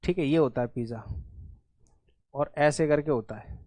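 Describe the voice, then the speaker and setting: A man's voice: a little high, moderate pace, a little mellow, dry recording. Man teaching spelling in Hindi and English. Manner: explains in Hindi mixed with English, checks in often. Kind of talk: exam-prep lesson.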